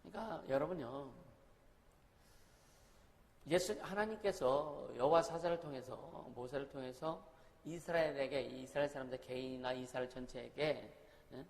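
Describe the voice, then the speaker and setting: A man's voice: mid-range voice, moderate pace, vocal fry. A man pastor preaching a sermon in a conversational way, often asking the congregation questions. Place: church sanctuary. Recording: long reverb of a hall, faint noise.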